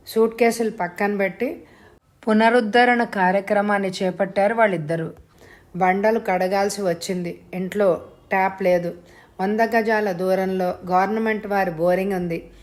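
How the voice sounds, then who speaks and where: A woman narrating a suspense thriller as a storyteller, in a steady, dramatic reading. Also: mid-range voice. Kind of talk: scripted narration.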